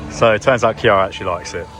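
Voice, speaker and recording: Playful, lower-pitched male theme park vlogger. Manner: playful, jokey. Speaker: vlog host. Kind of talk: casual theme park vlog chat. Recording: loud music behind, outdoors.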